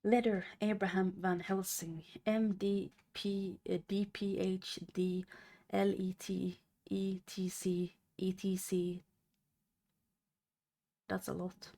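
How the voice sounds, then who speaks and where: A young woman streamer reading a classic novel aloud on a live stream. She reads haltingly, stumbling over and restarting words. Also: mid-range voice, flat delivery, creaky, dark tone.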